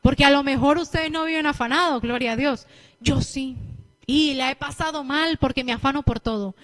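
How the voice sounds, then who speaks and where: A young woman preacher with a Latin American Spanish accent, giving a lively sermon and acting out what people say. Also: sits high, normal speed. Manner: lively storytelling, acting out quotes.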